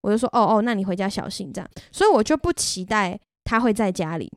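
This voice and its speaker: A woman's voice: medium pitch, lively intonation, quick pace, no room sound, clean studio sound. A woman with a Taiwanese Mandarin accent, hosting a podcast and telling a personal story in a candid, chatty, self-deprecating way. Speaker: podcast host. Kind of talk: casual personal storytelling monologue.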